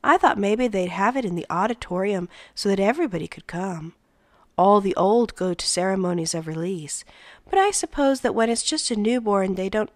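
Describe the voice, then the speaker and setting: Woman reader as a curious young boy, hushed eager tone. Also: medium pitch, lively intonation, moderate pace, no room sound, studio quality, lightly acted. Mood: musing. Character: curious, earnest boy watching a screen.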